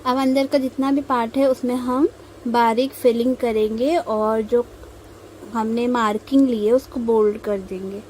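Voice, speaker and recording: This is a rough recording of a mehndi tutorial narrated by a young woman from India as she draws. Her delivery is calm and patient, broken by frequent pauses as she walks through each step. A faint hiss lies under her mellow, warm, somewhat high voice.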